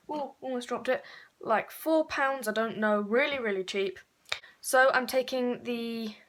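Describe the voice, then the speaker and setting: A woman's voice: fairly high pitch, fairly bright tone. A woman chatting her way through a makeup tutorial, rambling and correcting herself as she goes. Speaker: beauty vlogger.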